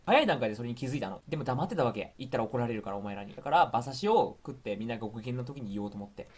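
A man hosting a casual stream, telling viewers about a trip in an animated storytelling way. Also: mid-range voice, racing, breathy edge. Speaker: streamer host. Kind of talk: casual stream chat looking back on a trip.

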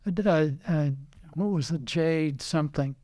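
Sitting as an interview guest, this retired racing driver and team owner, an older American, casually recalls the past through anecdotes and reenacted conversations. He speaks at a measured pace in a mellow voice that sits on the high side.

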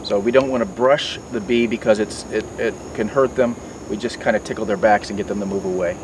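A beekeeping mentor, a middle-aged man, walks through his tools step by step in a garden setting, his explanation full of fillers and restarts. He speaks fairly fast with a lowish voice and fairly even intonation, recorded from a distance with noise from outside.

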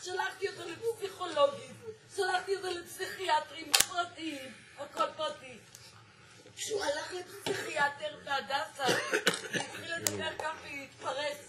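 A woman's voice: high-pitched, fairly even intonation, very noisy. Pleading middle-aged woman in an echoey hall. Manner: pleading, emotional appeal. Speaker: mother of a veteran, nurse. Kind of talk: testimony at a public hearing. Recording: echoey room from far off with crowd.

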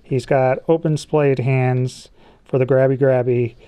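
A mellow, warm-toned man chats casually through a toy review, joking as he goes. He sounds relaxed and easy, describing each joint and piece while he handles the figure at a small studio table. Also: mid-range voice, unhurried, clean tone.

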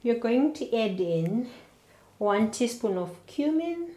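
Woman, 30s, cooking host; slow, steady instructional delivery, roomy kitchen sound. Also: a little high, noisy background. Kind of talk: cooking demonstration to camera. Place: home kitchen, indoors.

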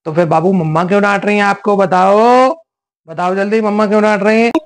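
A man's voice: sits high, steady tone, fast talker. A man hosting a kids' coloring lesson, talking in a soothing, coaxing, sing-song way to children. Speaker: children's drawing channel host. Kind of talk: acted skit and coloring lesson for kids.

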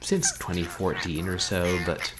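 This thirtysomething gaming streamer speaks a little slowly, his low voice keeping a fairly even intonation. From his small bedroom, he chats with livestream viewers in a wry, self-deprecating, wordy way, and the home webcam audio is noisy.

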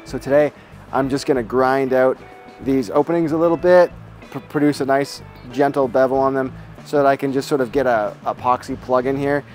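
A man in his forties calmly explaining each step of a repair job while he works in a boat shed. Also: mid-range voice, a little fast, soft background music. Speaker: boat restorer. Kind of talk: how-to narration while working. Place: boat shed with timber frame, indoors.

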